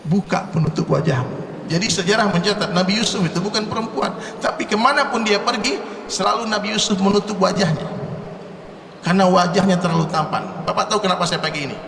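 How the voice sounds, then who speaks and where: Male preacher, from indonesia, joking with the crowd, rhythmic repetition, slightly high voice, faint room ambience. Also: fast talker, creaky, a bit bright, roomy sound, long reverb tail, recorded from a distance, a little hiss or hum. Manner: jokey, addresses the crowd directly, rhythmic repetition. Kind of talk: humorous religious talk to a congregation.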